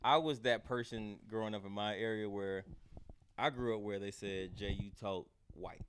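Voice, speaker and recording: A man's voice: fairly low pitch, moderate pace, a bit bright, a little hiss or hum. A man from North Carolina, talking casually in a group discussion. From North Carolina, United States. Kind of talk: casual chat.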